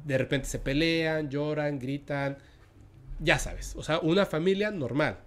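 A man with a Mexican accent casually telling a spooky story as a podcast host, with a dramatic delivery that sinks into a hush at tense moments. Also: fairly high pitch, measured pace.

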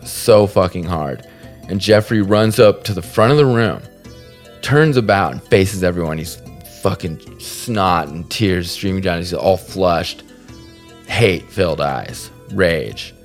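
Soft music plays under a low male voice moving at a measured pace. The speaker, a Salt Lake area podcast host, tells a funny tale in a relaxed, animated manner, swearing freely and making fun of himself.

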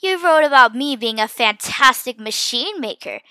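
A boastful purple raccoon villain from a storybook , as a woman puts him on, gloating over his schemes. The voice sits high and bright and leaps up and down in pitch. It sounds dry and close. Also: animated, moderate pace, no room sound, full character voice.

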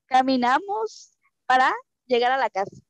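Recounting a personal story for an interview, a Mexican woman speaks at a measured pace with lively intonation and a Mexican Spanish accent. She is emotional and tends to repeat phrases for emphasis. No echo is present in this dull, dry, low-fidelity recording.

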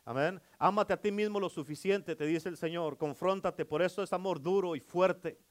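A man's voice: high voice, normal speed. A middle-aged male pastor preaching a sermon, emphatic and repetitive, often calling for amens.

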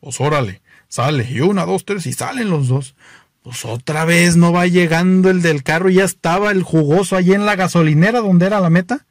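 A man with a Mexican accent telling jokes in an animated, playful way, throwing in lively exclamations. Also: sits high, normal speed, no echo, studio quality. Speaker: joke teller. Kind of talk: oral joke telling.

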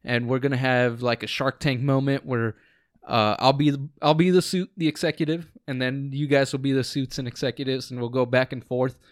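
A man's voice: mid-range voice, fairly even intonation, a little fast, no echo. Easygoing podcast host man, dry sound. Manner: easygoing, rambling with frequent ums. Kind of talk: casual podcast chat. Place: home podcast session with friends.

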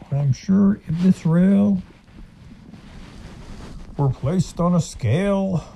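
Grumpy plodding ox, complains slowly, warm low tone, done by a man reading aloud. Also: slight background noise.

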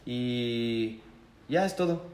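A young Mexican man tells a story among friends, slangy and animated, acting out the people he quotes. His voice sits in a middle register. The room echoes around him, with a faint hiss underneath. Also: medium pitch, very slow. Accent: Mexican Spanish. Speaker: podcast co-host. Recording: roomy room with faint background noise.

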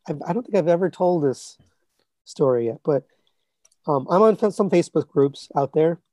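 Speaking at normal speed with lively intonation, this podcast guest sits on the high side with a darkish tone and no room sound. He's a collectibles reviewer in his 30s to 40s with a scratchy voice, chatting in a rambling way full of fillers and restarts.

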